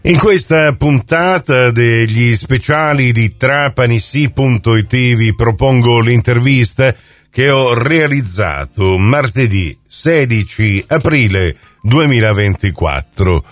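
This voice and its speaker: A man's voice: medium pitch, expressive, takes it slowly, no echo, soft background music. A man hosting an informal interview in a jovial, familiar way. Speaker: radio-style interviewer and host.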